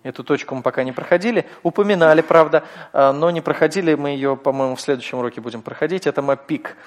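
A man's voice: a little high, fast, in a large hall. A man teaching a class, explaining step by step in a patient manner with frequent hesitations. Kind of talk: classroom lecture.

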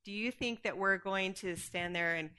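A woman giving an earnest, conversational sermon in short phrases, pausing after each so an interpreter can follow. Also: medium pitch, pushed and bright, smooth. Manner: earnest, conversational, with fillers and restarts. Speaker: guest speaker preaching through an interpreter.

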